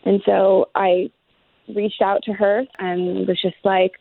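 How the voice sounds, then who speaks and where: A woman's voice: medium pitch, little pitch movement, slow, creaky, no echo. A woman talking to a radio show over the phone, guarded and blunt. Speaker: person called on air. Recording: tinny phone line, dry.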